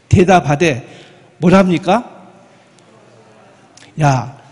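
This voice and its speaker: A male pastor preaching a sermon, animated, asking the congregation rhetorical questions and acting out quoted speech. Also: high-pitched, creaky, husky, long reverb tail. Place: church sanctuary.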